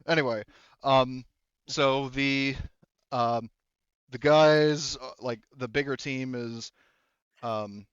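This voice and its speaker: A man acting as game master narrates a tabletop game in a clean, smooth voice at ordinary pitch with fairly even intonation. He talks casually and haltingly, swearing freely in loose phrasing. The recording is dry, slightly dull, with no echo.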